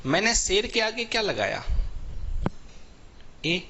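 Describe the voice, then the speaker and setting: A man with a Hindi accent teaching a live English grammar class, explaining step by step and reading example sentences slowly, word by word. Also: high-pitched, big pitch swings, noisy background.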